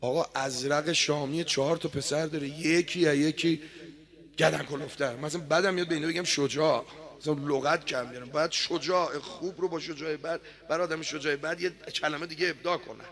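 A man preaching a sermon, telling a story dramatically and swinging from hushed tones to loud declaiming. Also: on the high side, fairly even intonation.

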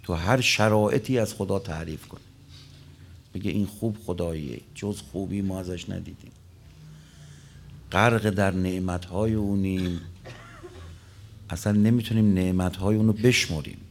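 A man's voice: low voice, steady tone, creaky, long pauses, slight background noise. A man preaching a religious sermon, telling stories and quoting Arabic lines, his voice rising and dropping.

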